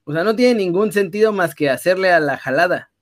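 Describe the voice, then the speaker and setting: Man, Mexican accent, fairly high voice, casual sports chat, rambling, lots of fillers. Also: animated, brisk. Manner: chatty, filler-heavy with frequent "o sea".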